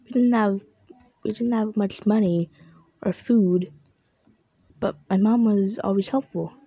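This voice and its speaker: Sentimental storybook character played by a woman: earnest, husky, unhurried, on a slightly muffled recording. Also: mid-range voice, steady tone, no echo. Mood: tender, earnest. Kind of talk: children's storybook read-aloud. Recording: dull lo-fi recording.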